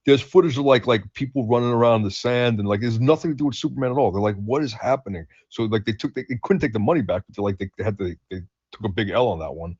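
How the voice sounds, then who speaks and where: A man's voice: medium pitch, rapid-fire, few pauses, darkish tone, breathy edge, no room sound. A man co-hosting a stream, telling a story in casual chat with lots of restarts and fillers. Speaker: stream co-host. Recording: muffled lo-fi audio.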